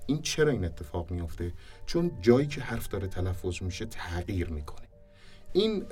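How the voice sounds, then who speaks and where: Low-voiced man teaching diction from afar. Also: darkish tone. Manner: emphatic, repeats points for stress. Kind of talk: explanatory interview talk. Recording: distant mic with faint music behind.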